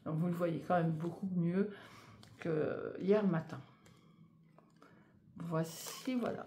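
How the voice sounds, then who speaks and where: In her home conservatory, a knitting vlogger unboxes yarn and chats casually, sounding hesitant and using many fillers. Her voice is on the low side, warm, and slow-paced.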